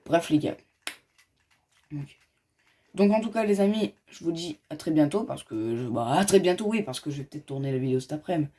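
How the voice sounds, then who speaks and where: A man talks his viewers through a building game in loose, rambling commentary. His pitch swings widely and animatedly from line to line. He addresses the audience directly and drifts into chatty asides. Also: lively intonation, brisk, warm tone. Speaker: gaming youtuber.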